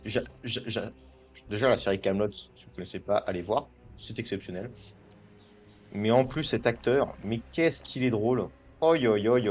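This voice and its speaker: A young man rambling and joking as he comments on a management game, often stumbling over his words and restarting. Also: lowish voice. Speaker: gaming video creator. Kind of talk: casual gameplay commentary.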